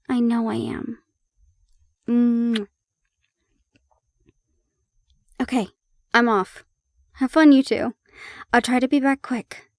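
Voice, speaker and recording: Playing a harried, affectionate young girlfriend in audio roleplay, a woman speaks slowly with frequent pauses in a high, expressive, teasing and coaxing voice. She comes across fond and playful, and the close recording is dry with no echo.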